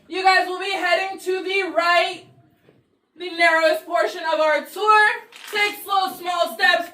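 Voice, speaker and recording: A woman's voice: very high-pitched, pushed and bright. A woman working as a tour guide, speaking to a group in an underground cave with a strong echo. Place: underground cavern with hard rock walls, cave echo. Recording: echoing cave, distant mic, faint noise.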